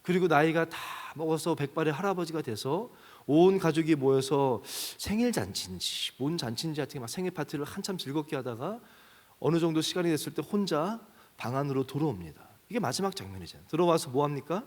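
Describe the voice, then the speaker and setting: Pastor, male, fairly high and very animated delivery, long hall reverb. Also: a little fast. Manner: storytelling, acting out quoted lines, rising to emphatic questions. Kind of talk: sermon.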